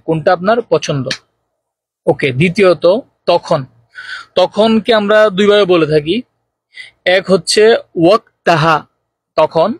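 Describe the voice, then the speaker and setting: A man teaching spoken Arabic in a lesson, slowly repeating example phrases with care. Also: sits high, slightly rough, no echo. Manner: slow, careful repetition of example phrases.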